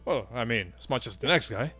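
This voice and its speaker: A man's voice: medium pitch, animated, brisk, pushed and bright, breathy edge, soft background music. A man voicing a distrustful, grumbling ship's sailor in a tabletop game, indignant and grudging.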